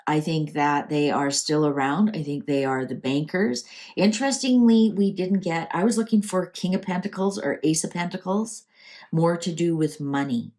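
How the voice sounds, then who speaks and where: A Canadian woman who hosts a channel gives a casual, improvised tarot reading, thinking out loud as she talks. Her voice is low and warm, and she speaks at a normal pace.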